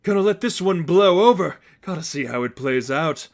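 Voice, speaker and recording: A man voicing a manic, gleeful clown supervillain in a high, loud, theatrical, taunting voice for a story reading. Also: expressive, moderate pace.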